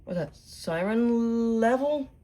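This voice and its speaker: Thinking aloud and muttering to herself, a woman unboxes a gadget in a casual, unplanned video. She speaks slowly in a voice on the high side with lively intonation, over a noisy, clicky recording.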